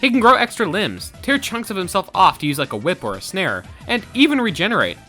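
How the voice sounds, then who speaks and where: A man's voice: sits high, big pitch swings, brisk, bright, forceful tone. A man delivering scripted narration for a versus show in a dramatic, theatrical storytelling manner. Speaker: show co-host. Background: faint background music.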